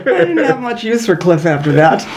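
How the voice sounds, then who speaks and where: A woman's voice: on the low side, expressive, moderate pace, darkish tone, slight background noise, rough recording. An older woman from northern Minnesota with a Minnesota accent, telling stories in an oral history interview, chatty and laughing between them.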